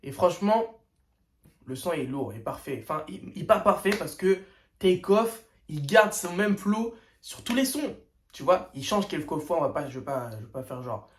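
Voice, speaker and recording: A man's voice: fairly high pitch, big pitch swings, normal speed, a little hiss or hum. A young man hosting a casual first-listen music reaction, talking in loose slang with lots of hesitations and filler. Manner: slangy, hesitant, full of "tu vois" and "euh". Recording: echoey room.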